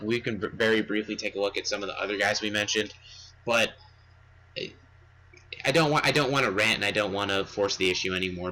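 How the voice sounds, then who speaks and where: A young man talks sports in a casual podcast chat, pushing his points with emphatic energy. His voice is bright and forceful while sitting somewhat low. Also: a little hiss or hum, rough recording. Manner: animated, emphatic ranting about stats. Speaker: podcast co-host.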